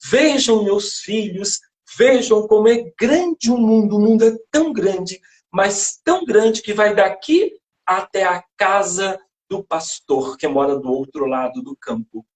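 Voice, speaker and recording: A man's voice: sits high, animated, a little slow. A man voicing a proud, narrow-minded mother duck from a fairy tale, exclaiming in a storytelling way.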